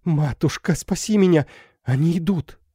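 A man voicing a gentle, frightened young woman who pleads softly in an audiobook. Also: medium pitch, animated, normal speed, no echo, studio quality, pitched above the performer's own voice, lightly acted. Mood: terrified. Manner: soft, pleading and breathless with fear. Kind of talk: audiobook character voice.

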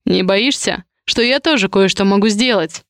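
A woman reading an audiobook voices a cold, arrogant duke who speaks sternly and with quiet menace. The delivery stays curt and controlled, in a smooth, clear voice. The recording is close and dry. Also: mid-range voice, moderate pace, dry recording, lightly acted. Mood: menacing. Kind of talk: audiobook character voice.

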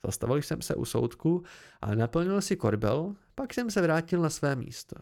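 A man narrating an amateur audiobook with an expressive, storytelling delivery. His voice is slightly high for a man, gravelly, and swings widely in pitch. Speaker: audiobook reader.

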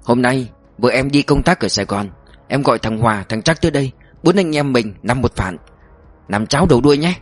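A man's voice: medium pitch, brisk, soft background music, close to an everyday voice. A man voicing a jovial older male chief prosecutor who jokes and banters heartily. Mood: hearty. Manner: hearty, joking.

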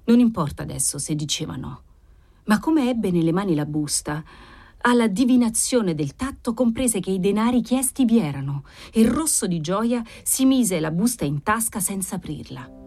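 A woman narrating a classic novel as an audiobook, in a measured, expressive reading. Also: mid-range voice. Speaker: audiobook reader.

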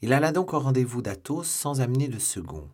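A man's voice: medium pitch, lively intonation, a little fast, a little mellow. A man narrating a classic novel as an audiobook, reading steadily. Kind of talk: scripted narration.

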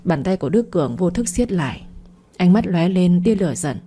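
A woman narrating a storybook in a steady, even reading. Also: fairly low pitch, fairly quick, breathy edge.

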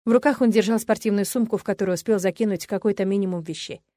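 A woman reading a first-person story in an even, expressive voice. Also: medium pitch, fast, no room sound, clean studio sound. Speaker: audiobook reader. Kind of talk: first-person audiobook narration.

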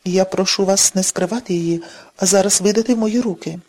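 A man's voice: sits high, a little fast. Woman reading as an enraged jealous husband. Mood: accusing. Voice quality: shouting, accusing. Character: jealous hot-tempered middle-aged husband.

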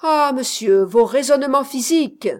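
A spirited young Scottish woman, romantic and quick to take offence, as a woman reads her aloud. She speaks slowly, in a fairly high voice, with real passion. The reading is unhurried. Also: lively intonation. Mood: passionate. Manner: passionate, indignant.

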